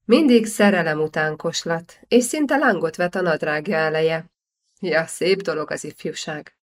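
A woman's voice: sits low, lightly acted. A woman voicing a big, boisterous nobleman who banters heartily in an audiobook. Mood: teasing. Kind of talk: audiobook character reading.

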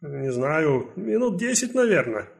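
A startled elderly janitor, loud and a bit raised in pitch, stumbling over his answers, as a male narrator puts him on. Flustered and confused in this audiobook. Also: big pitch swings, a little slow, creaky, heavily acted.

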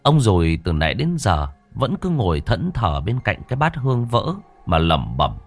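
A man's voice: lowish voice, wildly swooping pitch, normal speed, faint music behind. A man narrating a ghost story expressively.

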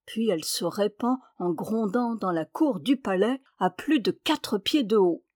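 A woman reading a fairy tale aloud in a lively, expressive way. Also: medium pitch, unhurried, dry recording, clean studio sound. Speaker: storyteller.

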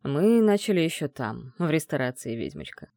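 A man voicing an arrogant male mage mentor who taunts in a calm, low, mocking tone, in an audiobook. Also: normal speed, dry recording. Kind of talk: audiobook dialogue reading.

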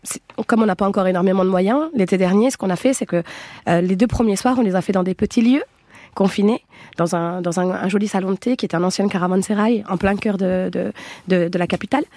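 A woman's voice: medium pitch, quick pace, dark tone, no echo. A woman comedian of Tunisian descent answering questions in a radio studio, speaking eagerly and sometimes searching for her words. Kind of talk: radio interview.

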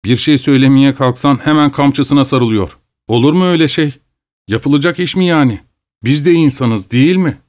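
A man's voice: medium pitch, normal speed, darkish tone, pitched above the performer's own voice, lightly acted. A man voicing a stubborn, cheeky peasant woodcutter who talks back defiantly. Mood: complaining. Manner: defiant, mocking.

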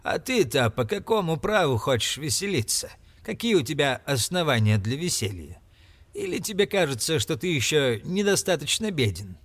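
A man's voice: very animated, normal speed, husky. A man reading an audiobook, voicing a miserly, grumpy old man who scolds and mocks. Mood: scornful. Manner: scolding, mocking, raised pitch.

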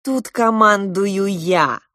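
A woman voicing a bossy, impatient young prince who speaks loudly and commandingly. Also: mid-range voice, slow pace, dry recording, clean studio sound. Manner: commanding, loud.

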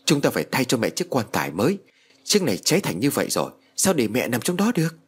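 A man's voice: mid-range voice, huge pitch swings, fast talker, husky. A man voicing a middle-aged son, insistent and upset.

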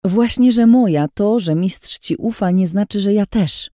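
A woman's voice: mid-range voice, a little slow, mellow, no echo, clean studio sound, voice pushed up, natural voice. A woman voicing a defiant, hurt young woman who bursts out in a raised voice. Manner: outbursts, raised voice.

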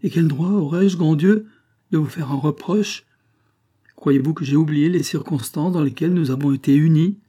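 A man's voice: moderate pace, mellow, close to an everyday voice. A man reading an audiobook voices a proud, anguished young countess in a raised, tense, pleading tone. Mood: indignant. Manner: tense, pleading and high-pitched. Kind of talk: audiobook character voice.

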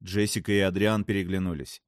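A man narrating an audiobook in a calm, even reading voice. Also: low-pitched, brisk, no room sound, studio quality. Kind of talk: scripted narration.

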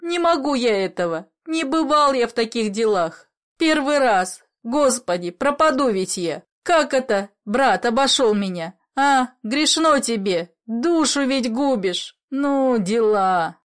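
A woman's voice: medium pitch, animated, slow pace. A woman voicing a frightened young peasant man who begs and wails in a raised, trembling voice. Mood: pleading. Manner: pleading, wailing, praying.

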